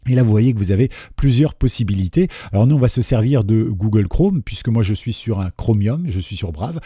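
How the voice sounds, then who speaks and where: A man hosting a casual software tutorial, explaining each step in a relaxed, chatty way with frequent fillers, recorded as a voice-over on a desk microphone. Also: fairly low pitch, brisk, husky, no echo, clean studio sound. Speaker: tech tutorial host.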